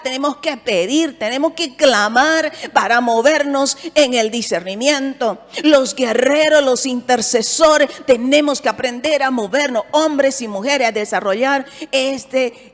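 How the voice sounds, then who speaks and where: A woman pastor from Bolivia preaching a sermon with earnest rhetorical questions. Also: high voice. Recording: echoey hall with faint music.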